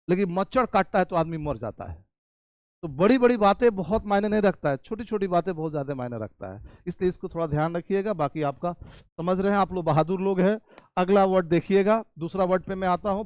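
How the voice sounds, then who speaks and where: A man from India, an English teacher giving a chatty spoken-English lesson in Hindi, teasing his students and drawing out model sentences slowly, with a Hindi-accented English. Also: sits high, darkish tone, smooth, no echo.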